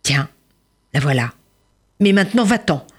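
A woman's voice: low voice, animated, a little slow, slightly rough, heavily acted. A woman voicing a vain, proud fish who speaks in a haughty, indignant way in a storybook tale. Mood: grudging.

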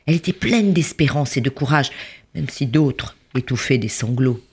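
A storyteller narrating a tale with expressive, lively delivery. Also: medium pitch, normal speed, breathy edge.

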